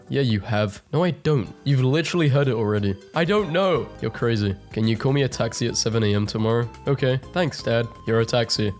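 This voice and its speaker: A man reading pun memes aloud in a casual, jokey way, laughing at his own reading and slipping into quick silly voices. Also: medium pitch. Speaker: meme-reading video host.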